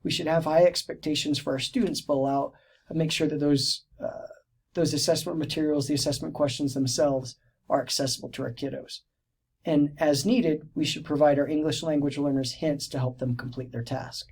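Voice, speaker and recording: Man, lecture narration for teachers, explanatory, restarts, fillers, slightly high pitch. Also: steady tone, moderate pace, darkish tone, husky. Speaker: teacher educator.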